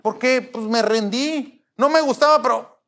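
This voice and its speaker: A man's voice: extremely high pitch, a little slow, fairly bright tone. A middle-aged man preaching a sermon, emphatic and asking the audience rhetorical questions. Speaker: pastor.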